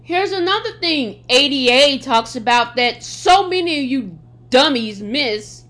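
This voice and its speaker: Higher-voiced woman with a slight mouth-sore lisp. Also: lively intonation, measured pace, fairly bright tone. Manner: blunt, emphatic, scolding. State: speaking with sores in her mouth. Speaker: podcast host. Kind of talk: opinionated solo podcast talk.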